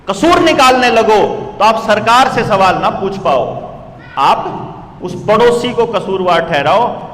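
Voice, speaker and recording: A man in his forties giving an impassioned political speech to a small gathering, full of rhetorical questions that rise to shouts. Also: high voice, long reverb tail. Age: 40s. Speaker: political speaker.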